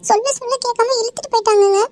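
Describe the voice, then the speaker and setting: A performer voicing a distraught middle-aged mother in an animated cartoon, pleading through tears. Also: extremely high pitch, rapid-fire, soft background music. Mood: tearful pleading. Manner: pleading, sobbing.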